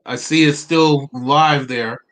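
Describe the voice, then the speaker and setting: A man in his forties hosting a live-streamed talk, earnest and halting, stopping often to restart and to read out viewer comments. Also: mid-range voice, fairly even intonation, fairly bright tone. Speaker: livestream host.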